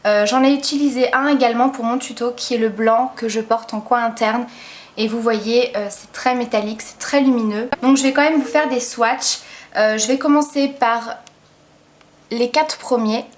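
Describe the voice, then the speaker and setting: A woman with a slightly high, steady voice talks at a normal speed while reviewing makeup as a beauty vlogger. Casual, chatty, and gushing about the products, she leans on plenty of hesitant fillers.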